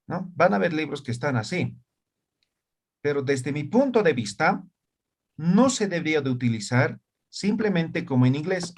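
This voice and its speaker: A man teaching an online class in Spanish and Aymara, often checking whether his students follow. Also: a little high. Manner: asks frequent check questions.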